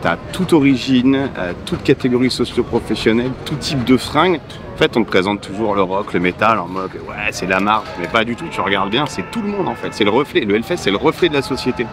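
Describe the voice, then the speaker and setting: A man's voice: medium pitch, brisk, over music. A man hosting a vlog, chatting casually and jokingly to the camera while walking outdoors. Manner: joking, rambling with fillers. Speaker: vlogger host. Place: outdoors at a festival parking lot. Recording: noisy outdoor recording.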